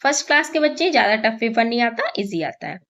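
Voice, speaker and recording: A woman teacher slowly walks through a first-grade exam paper, counting aloud and answering her own questions. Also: a little high, sing-song, a bit bright. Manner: slow, patient, counts aloud and asks questions then answers them.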